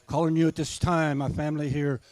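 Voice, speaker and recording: A middle-aged or older man working as a powwow emcee, calling names and making announcements in a folksy, unhurried way, often repeating himself. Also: a little high, flat delivery, darkish tone, no room sound. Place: live microphone at a powwow event.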